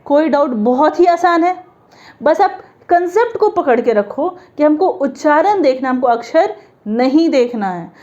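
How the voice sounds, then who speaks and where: A woman teaching an English grammar lesson to learners, explaining step by step and sounding out letters slowly. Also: sits high, expressive, darkish tone, lo-fi sound.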